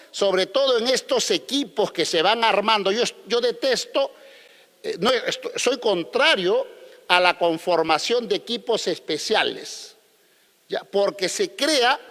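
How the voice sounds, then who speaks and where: A lawyer speaking at a legal conference argues his case combatively, driving his points home with frequent, pointed rhetorical questions. His voice is notably high for a man and a bit bright, and the long reverb of a large hall rings around him.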